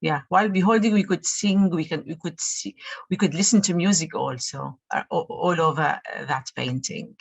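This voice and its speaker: A woman in the audience giving a comment on a video call, halting and repeating words as she speaks. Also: low-pitched, vocal fry, breathy edge, no room sound. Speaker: audience member.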